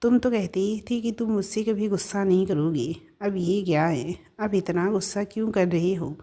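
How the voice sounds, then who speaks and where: A woman's voice: medium pitch, moderate pace, mellow, close to an everyday voice. Woman playing a coaxing, petulant young woman. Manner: cooing baby talk turning petulant. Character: coaxing young woman friend, quick-tempered.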